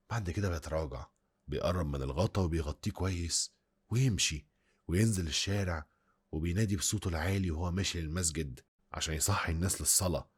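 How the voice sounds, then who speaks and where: Fast, husky, low-voiced Egyptian man. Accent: Egyptian Arabic. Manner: analytical, poses rhetorical questions. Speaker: film reviewer. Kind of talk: video essay narration.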